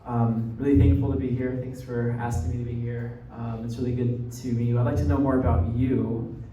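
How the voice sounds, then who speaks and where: A young graduate student from New Jersey, United States, speaks as a guest lecturer in an informal academic talk, conversational and often checking in with listeners by tagging points with "right?". His mid-range voice is warm, fairly quick and shows little pitch movement. The room sounds muffled and echoey, with a distant mic and faint noise.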